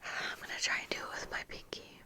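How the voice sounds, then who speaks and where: Doing her makeup on camera, a thirty-something ASMR creator chats in a soft, breathy whisper, taking her time and pausing often. The setting is a small, dimly lit room lined with bookshelves, and she speaks right up against a furry desk microphone while listening back on earphones.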